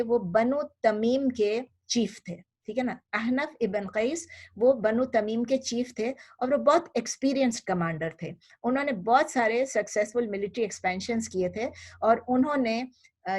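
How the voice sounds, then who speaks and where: A woman teaching a history class in conversational Urdu with many English words, often pausing with fillers, and asking her students questions that she answers herself. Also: fairly high pitch, a little mellow. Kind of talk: informal online lecture.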